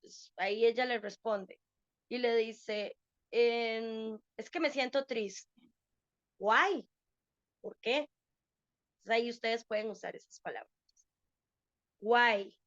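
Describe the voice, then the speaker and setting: A woman teaches English over a video call, pausing often to check that everyone is following. Her voice sits high and her pace stays slow. The call audio is dull and dry. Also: a bit bright, no echo. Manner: patient, explains slowly with repeated checks. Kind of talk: online English class for adults.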